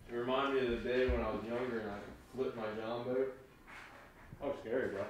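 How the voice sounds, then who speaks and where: A man's voice: mid-range voice, fairly even intonation, a little fast, slight background noise. A man chatting casually with friends, easygoing and poking fun at himself. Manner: easygoing, self-deprecating. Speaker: angler friend. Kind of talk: casual chat. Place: living room, indoors. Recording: roomy echo.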